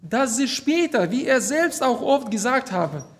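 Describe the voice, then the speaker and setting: A man with a high-pitched voice preaching a sermon. He talks unhurriedly and pauses to think, stopping between Bible readings to explain them point by point. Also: sing-song. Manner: slow, deliberate, with hesitations.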